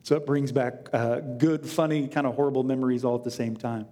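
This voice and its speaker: A man preaching a sermon, telling the story with humor and lively storytelling, at times dropping to a hush. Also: medium pitch, a little fast, big-room sound. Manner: animated, humorous storytelling with sudden hushed drops. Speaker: pastor.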